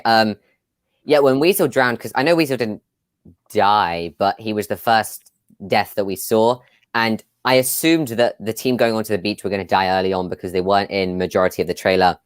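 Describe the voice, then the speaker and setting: A man's voice: on the low side, a little fast, clear, resonant tone, dry recording. A man hosting a casual live discussion over a video call, chatty, with many fillers and frequent laughs. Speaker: host.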